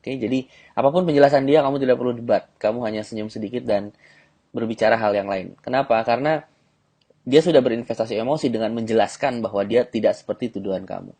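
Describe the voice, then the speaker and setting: A man's voice: mid-range voice, fast talker, dark tone, breathy edge. Man giving a direct coaching lesson. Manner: direct, coaching tone, keeps checking in with "oke". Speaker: dating coach. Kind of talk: instructional audio lesson.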